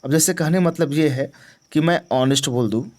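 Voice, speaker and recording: A man's voice: on the high side, normal speed, darkish tone. A man teaching a grammar lesson, who asks questions and answers them himself, repeats key words and checks that the class understands. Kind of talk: grammar lesson to exam students.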